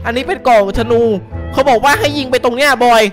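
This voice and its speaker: A young man giving excitable, casual co-op game commentary, yelping and laughing often. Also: extremely high pitch, quick pace. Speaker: gaming YouTuber. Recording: music playing behind.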